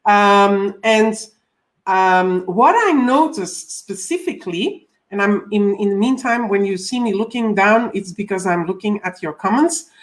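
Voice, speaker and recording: A woman from Belgium in her forties, a coach hosting a live stream, welcoming viewers over and over with frequent ums. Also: medium pitch. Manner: warm repeated welcomes, frequent ums, reads viewer comments.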